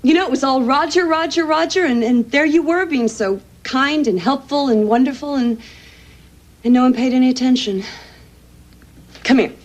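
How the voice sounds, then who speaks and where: A woman's voice: sits high, normal speed. An actress playing a weary but affectionate girlfriend in a television comedy-drama, tender and teasing. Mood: apologetic.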